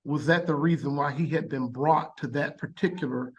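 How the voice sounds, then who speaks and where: A man reflecting in an unscripted interview, speaking in deliberate, halting phrases with pauses. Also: a little high, dull audio. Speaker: interviewed commentator.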